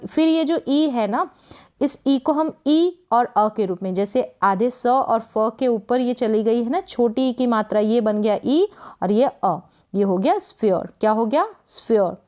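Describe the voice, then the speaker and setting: A woman teaching English pronunciation in Hindi, patiently repeating each word and asking quick check questions. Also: fairly high pitch, darkish tone. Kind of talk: spoken lesson.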